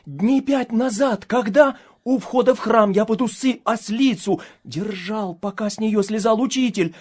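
An actor playing a humble, loyal servant speaking earnestly in a verse drama. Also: male voice, high voice, unhurried, a little mellow, slightly rough. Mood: earnest recollection. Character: humble loyal servant recalling his teacher.

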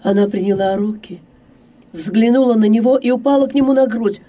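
A narrator giving a slow, expressive reading of a classic novel. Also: medium pitch, far from the mic.

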